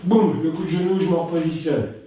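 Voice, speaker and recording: A Frenchman with a fairly high voice speaks fairly quickly as he leads a live online Krav Maga class, counting combinations and accenting strikes with punchy sounds. Between drills he's chatty, warm, and a bit out of breath. The background is noisy, the room very echoey, and the mic distant.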